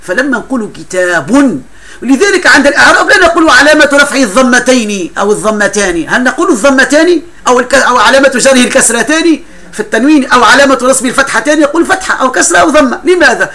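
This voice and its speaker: A man's voice: very high-pitched, expressive, fast, a crowd in the background. A man teaching a classroom grammar lesson, explaining patiently with frequent laughs and broken-off restarts.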